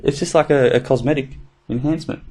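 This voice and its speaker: A man's voice: medium pitch, steady tone, quick pace, mellow, slightly rough. A man co-hosting a podcast, chatting casually in a laid-back, rambling way with plenty of fillers and swearing. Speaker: podcast co-host. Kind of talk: casual chat.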